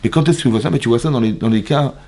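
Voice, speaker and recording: Rabbi guy giving a torah class in a synagogue, lively, keeps asking the room if they got it. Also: mid-range voice, very fast. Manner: lively, asks the audience questions; acts out quoted dialogue.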